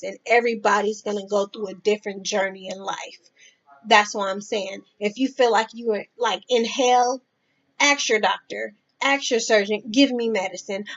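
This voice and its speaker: A woman giving blunt, profane advice in a casual vlog, talking straight to the viewer. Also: mid-range voice. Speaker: vlogger. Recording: dull lo-fi sound.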